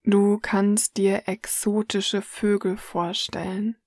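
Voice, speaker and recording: A woman reading a guided relaxation story in the second person, soft and hushed. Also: medium pitch, level tone, slow pace, no echo, clean studio sound.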